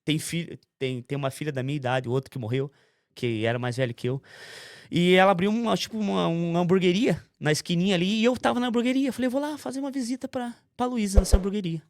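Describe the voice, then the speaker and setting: A man with a high voice speaks fast, recorded dry with clean studio sound. He gives a testimony in a conversational interview, telling his story with intense, animated energy and acting out the voices of other people.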